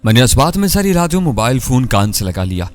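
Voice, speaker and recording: A man reading a novel aloud as narrator, in a steady, measured storytelling manner. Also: mid-range voice, long reverb tail, faint music behind. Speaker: audiobook narrator.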